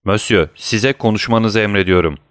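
Man doing a stern old king of France, commanding, raised and sharp, dry close sound. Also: on the low side, moderate pace, clear, resonant tone, no room sound, natural voice. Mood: imperious, alarmed. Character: aging French king, imperious and alarmed.

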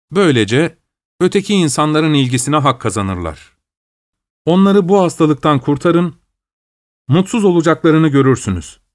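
A man narrating a novel in a steady, measured audiobook style. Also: on the high side, no room sound, clean studio sound.

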